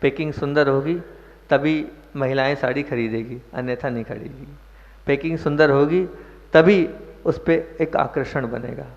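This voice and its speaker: A man's voice: medium pitch, moderate pace. Male monk, sermon, questions the listeners and leans hard on key words, dull echoey hall recording. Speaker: Jain monk preacher.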